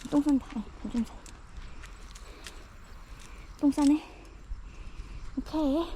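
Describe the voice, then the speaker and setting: High-voiced woman chatting to a dog outdoors. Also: slow pace, dark tone, slight background noise. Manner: chatty, talks to the dog, mock-scared squeals. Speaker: vlogger walking a dog. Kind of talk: casual self-talk monologue. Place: outdoors on a rural seaside road.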